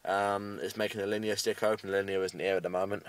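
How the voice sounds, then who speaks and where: A British amateur radio hobbyist records a casual video update from inside a parked car, rambling in a matter-of-fact way. His voice is lowish, clean and level, and he talks fast. The recording is dry, and the mic is placed at a distance.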